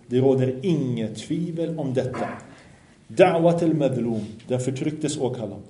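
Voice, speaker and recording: A man's voice: medium pitch, dark tone, a little hiss or hum. A man giving an Islamic study lesson, reciting Arabic passages, translating and explaining them, and asking his listeners questions. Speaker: religious teacher. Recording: echoey room.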